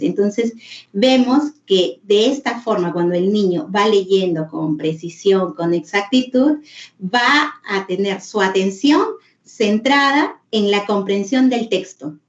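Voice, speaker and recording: A Peruvian woman gives a lesson to teachers over a video call, explaining patiently and repeating key phrases. Her voice carries a roomy echo, and the audio sounds dull and muffled. Her pitch sits in the middle range. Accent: Peruvian Spanish. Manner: explanatory, repeats phrases for emphasis, acts out a child sounding out a word. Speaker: teacher trainer. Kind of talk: online teacher training lecture. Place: home or office on a video call.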